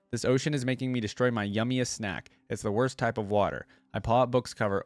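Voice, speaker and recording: In an indoor room at his streaming setup, a young man hosts a reaction video, reading a story and commenting casually. His voice sits on the low side, and the close desk-mic recording is dry.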